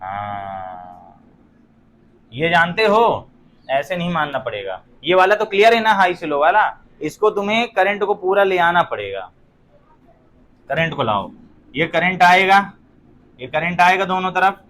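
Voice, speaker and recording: High-voiced male physics teacher lecturing a class. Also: expressive, measured pace, long pauses, fairly bright tone, slight background noise. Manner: quizzing students with frequent rhetorical questions; joking asides. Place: classroom with students.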